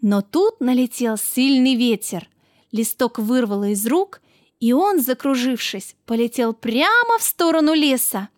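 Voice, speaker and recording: A woman narrating a children's story in a warm, gentle storytelling voice with expressive lifts. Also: fairly high pitch, a little slow, dry recording, studio quality.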